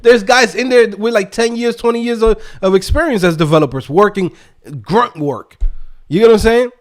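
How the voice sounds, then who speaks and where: Speaking at a normal pace with a voice that sits high, a Dominican YouTube host and developer coach gives a casual motivational rant. He sounds emphatic and streetwise, tossing in lots of slang and tag questions.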